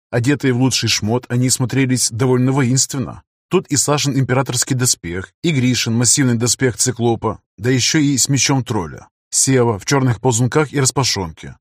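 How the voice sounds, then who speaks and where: A man's voice: medium pitch, no echo, clean studio sound. A man narrating a humorous fantasy audiobook in a wry storytelling manner.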